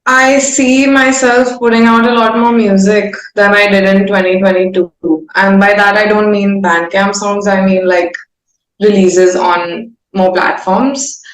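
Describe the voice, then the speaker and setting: A young singer-songwriter with an Indian accent chats candidly in an informal interview, playful in her manner. Her voice is medium-pitched with little pitch movement and a slightly slow pace, and the recording sounds roomy and echoing.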